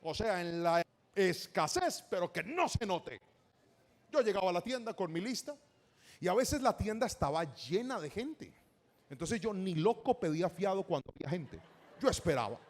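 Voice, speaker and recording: A man's voice: high voice, sing-song, moderate pace. A man, a pastor preaching a sermon in a church, telling stories and calling on the congregation to answer. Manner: storytelling preacher, emphatic with call-and-response.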